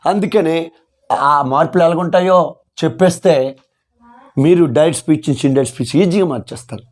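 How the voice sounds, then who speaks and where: A man's voice: a little high, brisk. A man teaching English grammar, repeating key terms and answering his own questions. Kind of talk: classroom-style grammar lesson.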